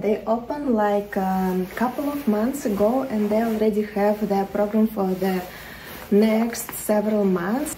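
Woman, 30s, casual vlog, chatty, mellow tone. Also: medium pitch, echoey room, a little hiss or hum, poor audio. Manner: chatty, enthusiastic, many fillers. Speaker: vlogger. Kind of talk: casual vlog talk to camera. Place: home living room, then city streets.

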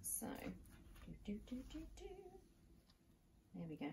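A woman's voice: measured pace, mellow, slight background noise. A British woman in her thirties chatting casually as a vlog co-host in her living room.

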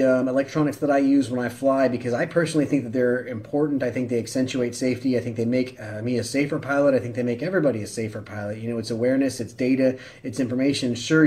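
A man in his forties vlogging in a deadpan, mock-earnest satirical style. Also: medium pitch, fast, few pauses, husky, low-quality recording. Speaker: vlogger pilot. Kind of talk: satirical vlog. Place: home room, then small plane cockpit, then outdoors.

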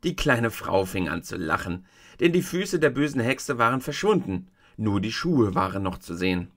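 A man reading a fairy tale aloud as a storyteller, in an expressive, sing-song reading voice. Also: on the low side, normal speed. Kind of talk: storybook read-aloud narration.

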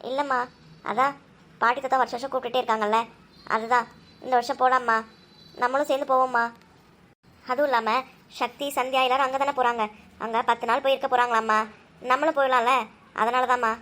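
A woman's voice: sits high, fairly even intonation, fast, pauses often, a bit bright. A woman voicing a curious young girl who stammers and coaxes her mother in a cartoon. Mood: coaxing. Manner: hesitant, stammering when caught.

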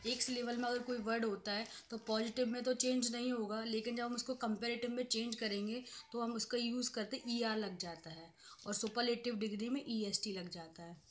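A woman professor teaching a grammar lesson in a measured, even way. She walks through each rule step by step, drawing out the examples and saying them over again, with English terms mixed into her explanation. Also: on the high side, a little hiss or hum. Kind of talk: grammar lecture.

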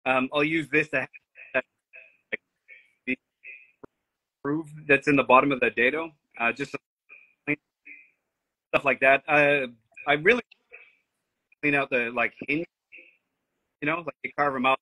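A man speaking as a guest woodworker over a video call, his audio glitching and dropping out in gaps, so his phrases come through halting and fragmented. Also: medium pitch, bright, forceful tone, no echo, rough recording. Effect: glitchy audio cutting out in gaps. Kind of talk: casual live-stream chat.

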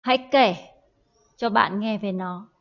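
A woman's voice: mid-range voice, takes it slowly. A woman teaching English in a recorded online lesson, explaining in Vietnamese with hesitant fillers and repeating words for practice. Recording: dull lo-fi audio.

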